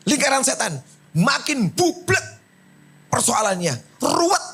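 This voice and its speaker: Man preaching, loud then hushed. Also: very high voice, wildly swooping pitch, measured pace, gravelly, breathy edge. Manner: swings from shouted preaching to hushed, whispered prayer. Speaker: pastor. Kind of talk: sermon.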